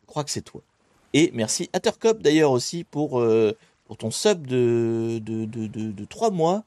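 A man's voice: medium pitch, lively intonation, measured pace, a little mellow, no room sound. A young man hosting a live stream in a casual, rambling way, chatting with his viewers while he plays a game, with many fillers and restarts. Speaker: streamer and host.

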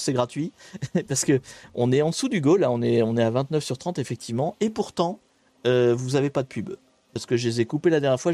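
A man's voice: medium pitch, mellow, dry recording. A man hosting a casual live stream, chatting to viewers with frequent hesitations and restarts.

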